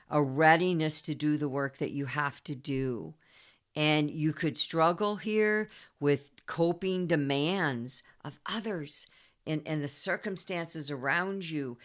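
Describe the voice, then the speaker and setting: Lady astrologer preaching her reading, slow and emphatic, bright voice. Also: low-pitched. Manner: emphatic and preachy, repeats for stress.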